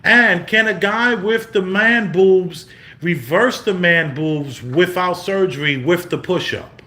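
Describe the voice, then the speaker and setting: A man's voice: high-pitched, takes it slowly, pushed and bright. A man hosting a casual talk show, joking and asking blunt questions. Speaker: podcast host. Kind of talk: casual chat.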